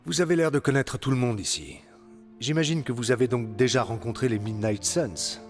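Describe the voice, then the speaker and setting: A man's voice: medium pitch, moderate pace, soft background music, lightly acted. An actor playing an earnest, curious young male hero in a French video game dub, asking plenty of questions. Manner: inquisitive, earnest.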